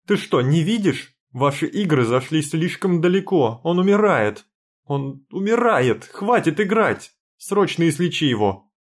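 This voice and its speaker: A man's voice: on the high side, very animated, slow pace, pitched above the performer's own voice. A man voicing a panicked young woman, a witch, who pleads shrilly and is close to tears. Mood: pleading.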